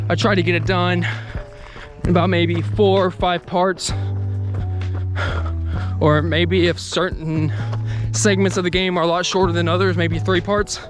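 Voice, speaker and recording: Higher-pitched man vlogging while jogging. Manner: talking while jogging, effortful. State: exerting, working up a sweat. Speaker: video creator vlogging about the channel. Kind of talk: casual unscripted vlog monologue. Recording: music behind the voice.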